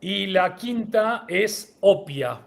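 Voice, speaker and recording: A man's voice: high-pitched, expressive, very slow, gravelly. A man co-hosting a live-streamed podcast, greeting viewers and running a word-association game. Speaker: podcast co-host.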